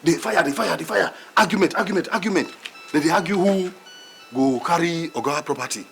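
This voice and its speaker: A man's voice: a little high, fairly quick, creaky, a bit bright, soft background music. A male actor with a Nigerian accent playing a boastful, argumentative servant, emphatic and repetitive, in a film drama. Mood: boastful storytelling.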